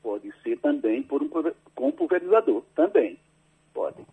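A man's voice: fairly high pitch, wildly swooping pitch, measured pace, slightly rough, narrow, tinny audio. A man explaining his research to a radio host over a landline phone, patient and careful, often tagging his sentences with a questioning "right?". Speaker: agricultural researcher, interview guest.

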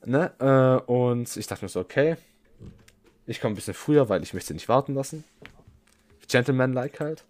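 A man's voice: mid-range voice, lively intonation, a little fast, darkish tone, no room sound. Rambling young man telling a story, dry sound. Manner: rambling storytelling with many fillers. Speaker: podcast co-host. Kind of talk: casual podcast chat.

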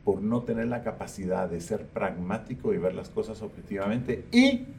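A man's voice: lowish voice, sing-song, normal speed, gravelly, darkish tone. A man hosting a casual interview podcast, talking bluntly and with strong opinions. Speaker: podcast host. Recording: distant mic with faint ambient noise.

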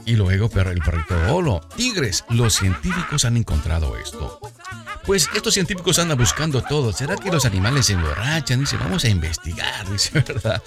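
Man, radio host, very lively intonation, theatrical emphasis, playful comedic address to listeners, background music. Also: on the low side.

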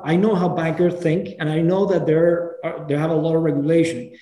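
A Venezuelan man, the founder of a program, speaks earnestly as a guest in a casual interview, often restarting his phrases. His warm voice sits on the high side, with fairly even intonation and a brisk pace. The recording has a roomy echo.

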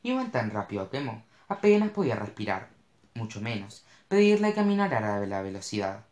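A man narrating a novel in an expressive, animated reading style. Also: on the low side, brisk. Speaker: audiobook narrator. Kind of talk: scripted narration. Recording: roomy echo.

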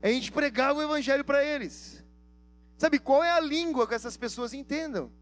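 A man preaching a sermon, telling stories in a lively, slangy way and acting out the dialogue. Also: very high voice, moderate pace. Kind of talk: sermon with storytelling.

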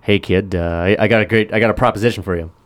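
A man's voice: lowish voice, steady tone, quick pace, close to an everyday voice. A man doing a creepy old van driver. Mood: leering. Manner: leering, pushy propositions.

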